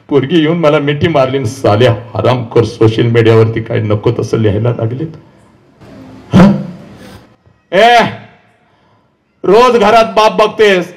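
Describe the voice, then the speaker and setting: A man giving an impassioned public lecture to a live audience. He shouts, pleads and scolds his listeners directly. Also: fairly high pitch. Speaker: public speaker addressing an audience. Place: live event before an audience.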